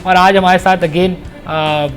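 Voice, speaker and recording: A man's voice: high-pitched, fairly even intonation, slow, soft background music. A man with a Pakistani accent hosting a TV talk show, pressing his guests and mixing in English phrases. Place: TV studio.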